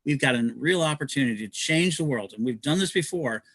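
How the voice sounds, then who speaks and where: A livestream host in a mid-range, fairly bright voice talks fairly quickly with lively intonation, recorded without echo. He promotes community projects with eager, wandering talk, often breaking off to start again.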